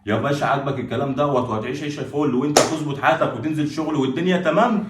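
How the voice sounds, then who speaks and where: A man's voice: on the high side, rapid-fire, reverberant, very noisy, natural voice. A man with an Egyptian accent playing a stern older brother who lectures his sister's husband, insisting and repeating himself. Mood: firm. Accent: Egyptian Arabic. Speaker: actor in a skit. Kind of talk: sketch acting.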